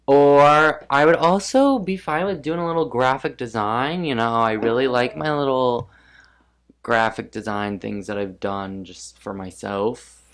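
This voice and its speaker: A woman chatting casually as a podcast guest, animated and gossipy with quick asides. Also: a bass voice. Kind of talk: casual chat.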